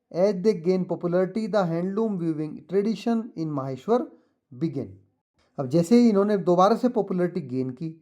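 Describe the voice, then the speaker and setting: Male tutor for kids, slow careful reading, patient explainer, warm mellow tone, slightly higher-pitched voice. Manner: mixes English and Hindi, reads English slowly then explains; patient, repetitive, addresses children directly. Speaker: teacher. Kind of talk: explaining a school textbook lesson to children.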